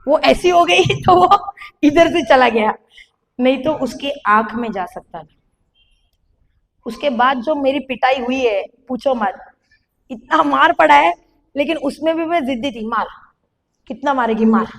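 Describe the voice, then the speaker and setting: A young woman giving a sermon testimony to a congregation, telling her story with animated storytelling that rises to emphatic calls. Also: high voice, a little slow, vocal fry, pauses often.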